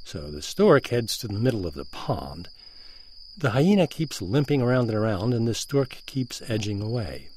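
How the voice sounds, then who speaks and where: A man's voice: lowish voice, very animated, normal speed, darkish tone, slight background noise. A man hosting a radio documentary, narrating in a dry, wry, conversational manner. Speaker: radio host.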